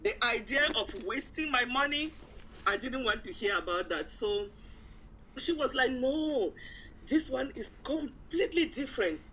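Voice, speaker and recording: A woman's voice: high voice, unhurried, a little hiss or hum, rough recording. A woman guest in an interview, telling a personal story casually and acting out the dialogue as she goes. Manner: animated retelling with acted-out quotes and frequent chuckles.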